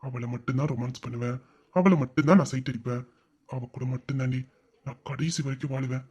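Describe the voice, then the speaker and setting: A man's voice: sits high, fast, darkish tone, dull audio. A man voicing a loving young husband in a romantic audio drama, speaking in an earnest, reassuring and teasing way. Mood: tender, soft.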